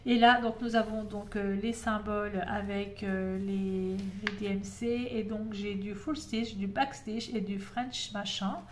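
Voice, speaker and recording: A woman's voice: medium pitch, steady tone, a little slow, few pauses, noisy background. A woman vlogger chatting at home, enthusiastic and full of hesitations as she shows her craft kits. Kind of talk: casual show-and-tell chat.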